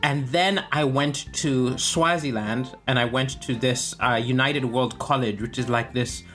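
A man who is a comedian, chatting casually and telling animated, playful stories as a podcast guest. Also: mid-range voice, a little slow, faint music behind. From Kenya.

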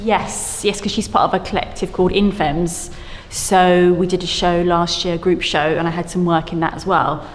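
A woman's voice: on the low side, level tone, moderate pace. A woman being interviewed as an artist, talking casually and conversationally. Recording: reverberant hall with background noise.

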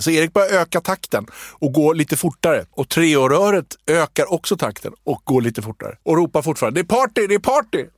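A man in his thirties co-hosting a podcast, chatting casually and telling stories in an animated way. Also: a little high, no room sound, studio quality. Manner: lively, animated storyteller. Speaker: podcast co-host. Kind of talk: casual chat and storytelling.

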